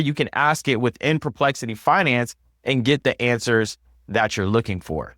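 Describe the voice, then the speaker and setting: A man's voice: medium pitch, fairly bright tone, no room sound, clean studio sound. A man in his thirties hosting a personal finance video, explaining step by step in an upbeat, conversational way. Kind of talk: explanatory talk to camera.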